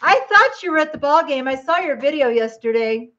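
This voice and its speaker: A grandmother with a high voice chats away on her cooking livestream and talks straight to the viewers. She speaks from her home kitchen. The audio sounds dull and lo-fi. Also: lively intonation, a little fast, a bit bright. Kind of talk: casual livestream chat while cooking.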